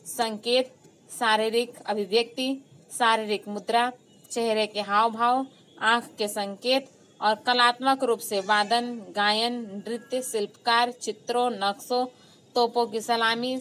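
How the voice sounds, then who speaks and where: A woman teacher with a slightly high voice gives an online class lecture. She explains patiently and repeats key terms. She stresses example phrases loudly. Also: a little hiss or hum, poor audio.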